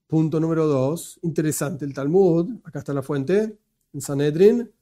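An Argentine man teaches a lesson from slides, his voice sitting a little high for a man yet soft and mellow in tone. He explains step by step and pauses to correct himself aloud. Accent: Argentine Spanish. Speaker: religious teacher. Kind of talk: lecture with slides.

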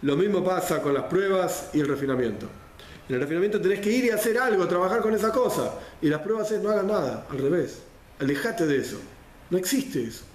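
A man's voice: high voice, animated, fairly quick. A man with a Rioplatense Spanish accent giving a Torah class, explaining step by step, repeating phrases and mixing in Hebrew and Yiddish terms. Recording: roomy echo, faint background noise.

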